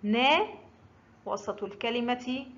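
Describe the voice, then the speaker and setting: A woman teaching the Arabic alphabet, saying each letter and example word slowly and distinctly. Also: a little high, a bit bright, highs cut off. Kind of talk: slow, deliberate pronunciation lesson.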